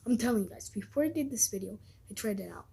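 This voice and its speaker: Very husky, breathy female vlogger. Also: mid-range voice, lively intonation, dark tone. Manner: halting, informal, slangy. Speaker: amateur vlogger. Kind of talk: casual chat to viewers.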